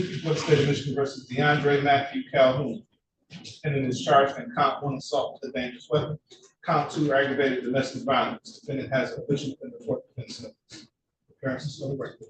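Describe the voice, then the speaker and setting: A man presiding as judge, briskly reading out case details and giving procedural instructions, heard in a courtroom recording. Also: medium pitch, level tone. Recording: echoey courtroom, distant mic, noisy.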